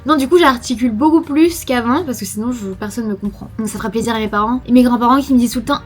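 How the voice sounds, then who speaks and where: A woman's voice: on the high side, fast talker, faint music behind. A woman in her twenties from France with a French accent and a slight lisp, chatting casually and emphatically in a self-deprecating, talkative vlog style. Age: 20s. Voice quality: slight lisp from dental aligners. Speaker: lifestyle vlogger.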